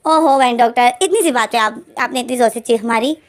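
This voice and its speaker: A woman's voice: a little high, fairly quick, natural voice. A woman voicing a playful, affectionate young man who teases cheerfully, in a spoken storybook retelling. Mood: teasing. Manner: teasing, cheerful.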